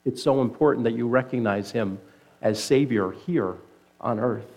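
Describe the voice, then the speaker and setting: Earnest preaching man, sinking low for weight. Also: normal speed. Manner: earnest preaching that drops low and soft for emphasis; retells scripture as vivid storytelling. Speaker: pastor. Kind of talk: sermon.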